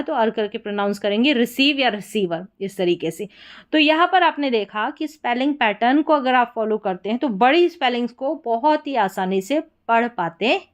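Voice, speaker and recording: A woman with a fairly high voice teaches an English spelling and pronunciation lesson, spelling words out letter by letter and answering her own questions.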